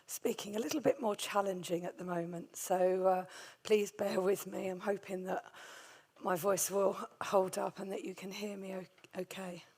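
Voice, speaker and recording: A middle-aged woman presents a conference talk on hospital infection control, her voice hoarse, gravelly and strained because of a vocal cord nodule. Her pitch is medium and her intonation fairly even, her pace moderate and her tone darkish. She says "um" hesitantly a lot but comes across as friendly and self-deprecating.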